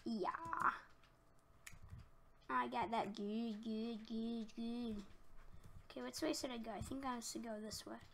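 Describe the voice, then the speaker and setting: A woman's voice: fairly high pitch, fairly even intonation, slow, creaky, long pauses, slight background noise. A woman giving chatty Let's Play commentary at her computer, easily flustered and breaking into outbursts when under attack, with keyboard typing behind her. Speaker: gaming channel host.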